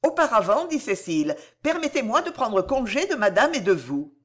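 A woman's voice: fairly high pitch, very animated, moderate pace. A woman reading an audiobook, voicing a distressed, earnest young heroine in a raised, urgent, pleading voice.

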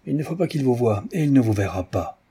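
A man voicing a playful, gallant gentleman adventurer in an audiobook, raising his voice with airy politeness. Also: medium pitch, animated, brisk, breathy edge.

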